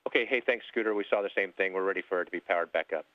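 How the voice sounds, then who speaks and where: A man speaking as a mission control capcom over a space-to-ground radio link, relaxed and polite with precise number calls. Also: sits low, racing, no room sound. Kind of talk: terse air-to-ground radio exchange. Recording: narrow dry radio loop.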